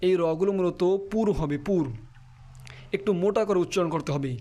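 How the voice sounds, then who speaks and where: A man teaching Quran pronunciation, explaining each letter quickly and then chanting the verses slowly. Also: high-pitched, dark tone. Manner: clears throat now and then. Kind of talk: Quran pronunciation lesson with recitation.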